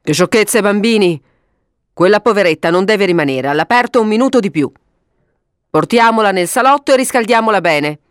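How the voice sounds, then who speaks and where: A woman voicing a sensible, kindly middle-aged father who talks briskly and gives orders in a read-aloud story. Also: mid-range voice, animated, clear, resonant tone, dry recording, studio quality, lightly acted. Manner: brisk, commonsense, bossy.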